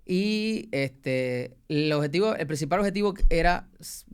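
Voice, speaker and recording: Cuban guy in his twenties, a bit high voice, smooth, lots of pauses and fillers. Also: expressive. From Cuba. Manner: hesitant, many fillers and pauses. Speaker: guest, former biology teacher. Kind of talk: telling his life story.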